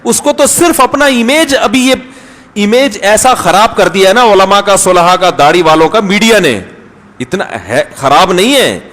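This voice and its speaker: High-voiced male cleric in a reverberant hall. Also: expressive, a bit bright. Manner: conversational, anecdotal, acts out voices in stories. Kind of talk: storytelling religious talk.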